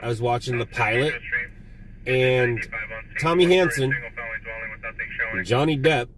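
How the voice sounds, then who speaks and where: A man's voice: mid-range voice, slow, a crowd in the background, poor audio. A man in his forties hosting a live news stream while driving, chatting casually and repeating his own phrases. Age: 40s. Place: inside a moving car.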